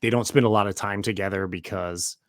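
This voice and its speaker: Chatty young man, low dry voice. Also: a little fast, dry recording. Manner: animated, chatty, laughs while explaining. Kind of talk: casual podcast chat.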